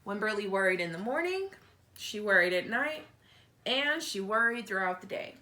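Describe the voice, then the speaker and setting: Speaking at a moderate pace in a mid-range voice, a woman teacher brings a picture book to life for children, tossing in casual explanations along the way. The home recording is roomy and echoey, with slight background noise.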